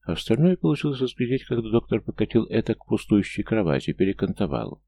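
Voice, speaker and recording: A man reading a story aloud as audiobook narrator, steady and measured. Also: fairly low pitch, gravelly, husky. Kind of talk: scripted narration.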